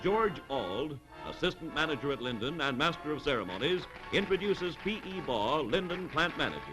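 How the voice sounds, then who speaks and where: A man narrating an old 1940s newsreel with brisk, upbeat announcer delivery. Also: a little high, animated, low-quality recording. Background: music.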